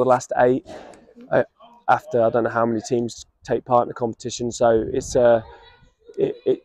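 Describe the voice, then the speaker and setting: A man in his thirties with an English accent, a football manager giving a measured, reflective post-match interview outdoors at a stadium. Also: medium pitch, warm tone, no echo. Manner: reflective, measured, many restarts. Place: outdoors by a stadium running track. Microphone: camera at standing distance.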